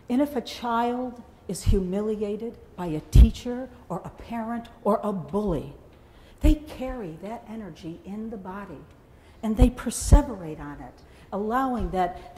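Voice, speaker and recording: Animated woman speaker in an echoey hall. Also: medium pitch. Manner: animated storyteller, calls on audience members by name. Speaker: motivational speaker. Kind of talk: motivational talk to a live audience. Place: hall with a live audience.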